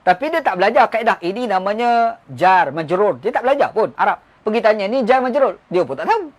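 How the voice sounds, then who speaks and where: A man with a Malaysian Malay accent teaching a religious lesson. His voice sits high and he talks quickly, pressing points with stories and rhetorical questions. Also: lively intonation. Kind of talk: religious lecture.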